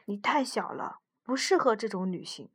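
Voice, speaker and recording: A woman voicing a bossy, impatient male mouse adventurer in a storybook, speaking sternly and loudly. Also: medium pitch, lively intonation, moderate pace, husky.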